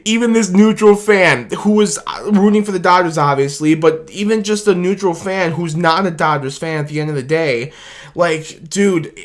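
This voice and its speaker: A man hosts a sports video in an excited, casual manner, laughing often and shouting "baby" and "man." His voice sits high and sounds slightly worn from cheering, and he talks at a moderate pace.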